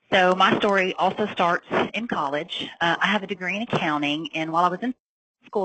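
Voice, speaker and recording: A woman telling her career story on a webinar, in a relaxed, conversational way. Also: sits low, dry recording, low-quality recording. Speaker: webinar speaker. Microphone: online call.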